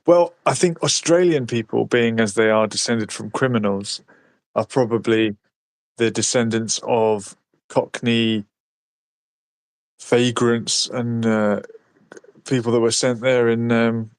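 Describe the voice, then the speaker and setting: A man's voice: medium pitch, fairly even intonation, slow pace, long pauses, dry recording. Rambling London man, casual chat. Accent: London English. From West London. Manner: rambling, hesitant, many ums and restarts.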